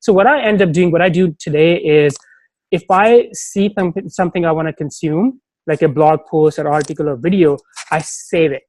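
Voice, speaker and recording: A startup advisor, a man who isn't a native English speaker, rambles as a guest in a casual interview, leaning heavily on "you know" and frequent restarts. His voice is fairly high and a little mellow, at normal speed, and the recording is low quality.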